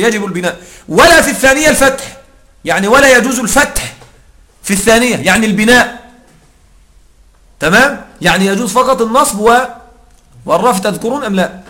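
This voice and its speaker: A male grammar teacher with a high, bright voice delivers a methodical lecture. He walks through each rule patiently, stops often to check that his students follow, and slows right down to read quoted text. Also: expressive. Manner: explanatory, checks in with listeners often; reads the quoted text slowly and deliberately.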